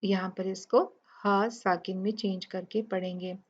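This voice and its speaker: A woman with an Urdu accent teaching Quran recitation rules, explaining each rule step by step and then reciting the words slowly. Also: mid-range voice, level tone, a little mellow, breathy edge, lo-fi sound. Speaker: tajweed teacher.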